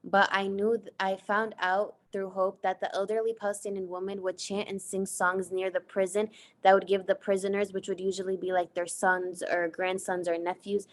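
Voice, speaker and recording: A woman's voice: mid-range voice, level tone, moderate pace. A young woman from the United States, presenting a class project in an earnest way, reading from her slides with frequent fillers. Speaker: student presenter.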